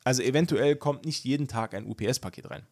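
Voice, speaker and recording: A man's voice: medium pitch, fairly quick, darkish tone, dry recording, clean studio sound. A young man co-hosting a casual podcast chat, telling a story with lots of energy and acting out the dialogue. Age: young adult. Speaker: podcast co-host.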